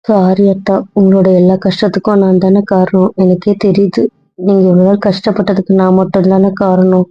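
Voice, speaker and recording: A woman's voice: mid-range voice, completely flat delivery, moderate pace, no echo, close to an everyday voice. Young woman as guilt-ridden, pleading wife, dry, muffled lo-fi audio-drama role-play. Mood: apologetic. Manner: pleading, repeating apologies. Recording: dull lo-fi recording, dry.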